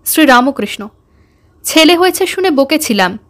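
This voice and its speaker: A woman reading a religious scripture aloud as an audiobook, in a measured recitation that slips into sung verses. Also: high voice, expressive, fairly bright tone. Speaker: audiobook reader.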